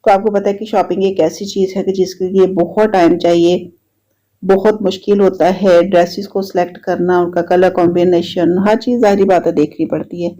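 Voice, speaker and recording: A woman with a fairly low voice and a Pakistani Urdu accent tells relaxed, repetitive stories over her home video diary at a moderate pace. Her slightly sore throat comes through, and the vlog's recording sounds dull and lo-fi.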